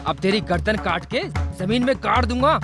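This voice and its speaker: A man dubbing a brash, scheming village brother who talks loud, mocks and threatens. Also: high-pitched, lively intonation, fairly quick, over music. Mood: furious. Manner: loud, mocking, threatening, laughs scornfully. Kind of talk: Hindi film dubbing.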